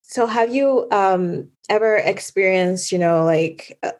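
A woman's voice: mid-range voice, slow pace, a little mellow. A woman from Zambia hosting an interview, asking questions in an encouraging way with lots of fillers. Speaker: interviewer, host. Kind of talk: conversational interview.

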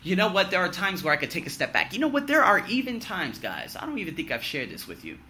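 Speaking fast and straight to camera, a vlogger in his thirties reviews his year in a lively voice that shoots up on punchlines and sinks on asides. His tone is very bright, a little high for a man, and he's blunt and swears freely, veering from loud boasts to low mutters. A bit of background noise can be heard.

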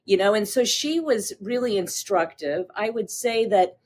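A woman speaking as an interview guest in casual conversation, enthusiastic and quick to laugh. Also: mid-range voice, expressive, darkish tone.

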